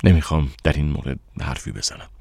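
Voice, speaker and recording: A man's voice: a bass voice, gravelly, dry recording, pitched below the performer's own voice, exaggerated voice. A man voicing an evasive, guarded German man. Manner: quiet, firm, restrained.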